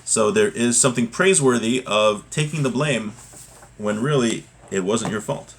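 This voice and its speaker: Speaking at normal speed in a mid-range, creaky voice, a man leads an informal religious lesson against slight background noise. He reads passages aloud, then translates and explains them point by point, frequently rephrasing and repeating.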